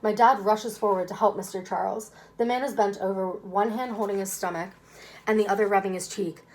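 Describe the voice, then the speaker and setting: A woman narrates a children's novel in a medium-pitched voice. She reads the first-person story aloud with expression. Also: fairly even intonation, a little fast, darkish tone, rough recording. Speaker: reader.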